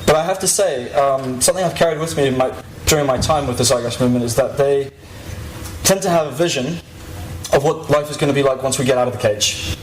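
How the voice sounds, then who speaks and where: A man's voice: mid-range voice, fast, roomy sound, a little hiss or hum, poor audio. A 21-year-old man giving an informal, reflective podium speech to an audience, with some hesitancy. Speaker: activist giving a talk. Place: live event stage before an audience.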